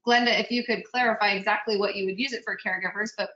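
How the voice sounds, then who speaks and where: A woman moderating a panel webinar on a video call, relaying audience questions with upbeat, quick acknowledgements. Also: mid-range voice, fairly even intonation, sharp tone. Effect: video call audio. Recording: muffled, roomy video call audio.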